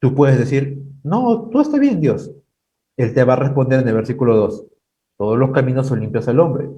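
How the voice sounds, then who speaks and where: Male preacher, 30s, warm dark voice, heard from a distance, plays out the dialogue himself. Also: fairly even intonation, a little fast. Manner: acts out dialogue with God in high mocking voices. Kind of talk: sermon at a prayer night.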